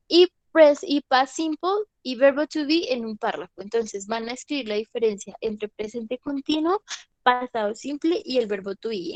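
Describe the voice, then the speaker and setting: A woman teaching an online class, her voice a little high. She explains step by step and keeps checking that her students follow. The sound is dry and close, with no room around it. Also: dry recording. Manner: patient, repeats "¿listo?" to check understanding. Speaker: English teacher.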